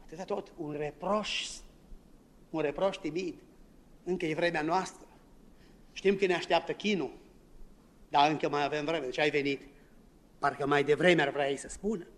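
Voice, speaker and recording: A man preaching a sermon, dropping to soft low asides and rising to loud exclamations. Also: long pauses. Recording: long hall reverb.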